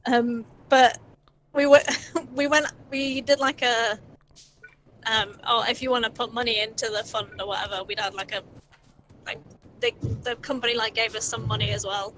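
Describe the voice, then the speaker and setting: A woman's voice: a little high, steady tone, moderate pace, a bit bright, slight background noise, poor audio. A young woman in her early twenties chatting casually on a live stream from a moving car over a voice call, rambling, swearing and laughing often. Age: early 20s. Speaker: stream co-host. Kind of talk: casual chat. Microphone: Discord voice call.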